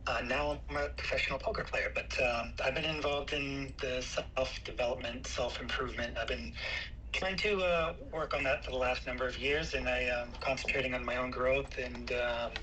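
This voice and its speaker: A man introducing himself on a video call, hesitant and measured. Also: mid-range voice, fairly even intonation. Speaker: guest. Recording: noisy video call audio.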